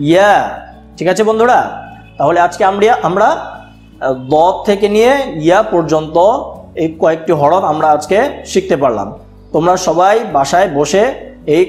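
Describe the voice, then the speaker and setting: A man's voice: high-pitched, a little mellow. Patient man teaching children in an echoey room. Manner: slow, patient, repeats sounds for children to copy. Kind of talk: children's online lesson.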